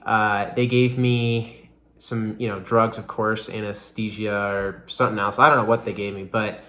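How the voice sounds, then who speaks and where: A man's voice: on the low side, level tone, moderate pace, bright, forceful tone, reverberant. A young man giving a casual recovery update on his vlog, rambling with lots of "like" and "you know.". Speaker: vlogger.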